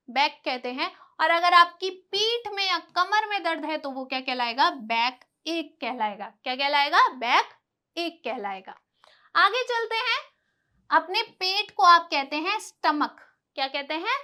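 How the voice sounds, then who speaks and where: A woman's voice: extremely high pitch, bright, forceful tone. A woman teaching a vocabulary lesson, patiently explaining and drilling by asking her own questions and answering them. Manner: explains patiently, stressing pronunciation.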